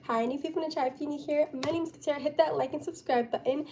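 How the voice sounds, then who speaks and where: A woman's voice: high voice, fast talker. A young woman live streamer chatting casually and informally with her viewers, with a giggly, chatty manner. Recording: steady background noise.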